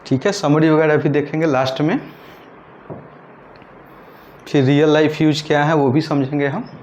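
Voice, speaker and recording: A man with a voice a little higher than most men's gives a patient, step-by-step screen-recorded tutorial, repeating points and checking in often with "ठीक है". His intonation is fairly even and a little mellow, and a faint hiss runs under the lo-fi recording.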